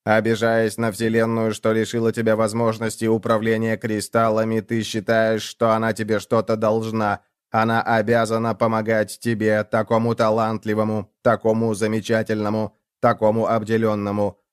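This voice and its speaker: A mocking, cold-hearted ship computer, scornful and needling in a smooth, resonant voice, as a man reads it out. Its tone sits in a middling register and sounds dry and close for an audiobook. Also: fairly low pitch, monotone, moderate pace, no room sound, lightly acted. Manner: needling, sarcastic interrogation.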